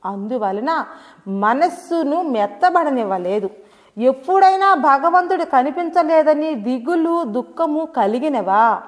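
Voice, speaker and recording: A woman reading a devotional discourse as a spiritual teacher, explaining gently and addressing the listener directly. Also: high-pitched, expressive, unhurried. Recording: long hall reverb.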